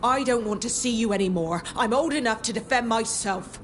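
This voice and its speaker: A woman's voice: fairly high pitch, brisk, a little hiss or hum, natural voice. An actress playing a proud, defiant young female sea captain in a video game, indignant and headstrong. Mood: indignant, bitter. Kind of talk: video game dialogue acting.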